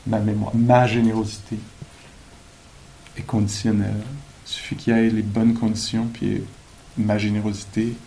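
A man giving a dharma talk at a meditation retreat, thoughtful and gently joking, pausing often with fillers. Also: lowish voice, little pitch movement, gravelly, slight background noise, rough recording. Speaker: meditation teacher.

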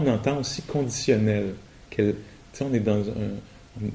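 A man with a Québécois French accent giving a relaxed, colloquial and humorous meditation talk at a retreat, often laughing. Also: lowish voice, slight background noise. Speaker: meditation teacher. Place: retreat hall.

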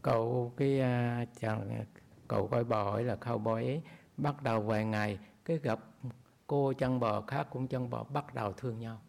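A man, a Buddhist monk, giving a dharma talk and telling a teaching story slowly, acting out the voices of its figures. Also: medium pitch, steady tone, vocal fry, darkish tone. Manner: slow storytelling with quoted dialogue.

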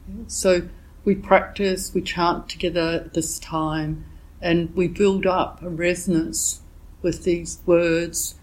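A woman meditation teacher giving a dharma talk while she has a cold, reflective and gently searching for her words. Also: lowish voice, rough recording. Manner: reflective, unhurried, gently searching for words with frequent "yeah" and "you know". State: has a cold, voice a bit thick.

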